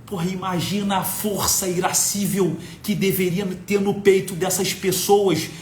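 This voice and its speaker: A man's voice: steady tone, a little slow, faint music behind. A Brazilian man giving an impassioned talk from home, blunt and emphatic, swearing for emphasis. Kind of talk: impassioned lecture to an audience. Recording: echoey room with faint rumble.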